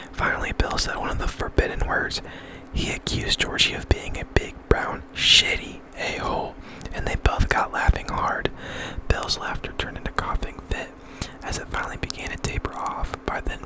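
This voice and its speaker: A man reading a novel aloud as ASMR in a breathy, intimate whisper, very close, as if right in the listener's ear. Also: high-pitched, rough recording.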